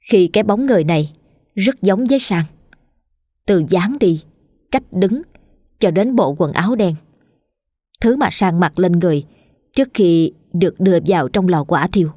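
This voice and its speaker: A woman reading a scripted horror story in a steady, suspenseful way. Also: fairly low pitch, moderate pace, long pauses, no room sound, studio quality. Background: faint music.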